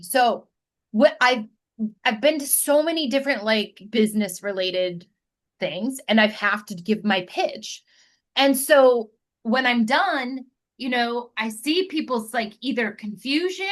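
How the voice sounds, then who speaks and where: A woman's voice: on the high side, fairly bright tone. A woman hosting an interview in casual chat, talking freely with many fillers. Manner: chatty, lots of "like" and "yeah". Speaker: podcast host.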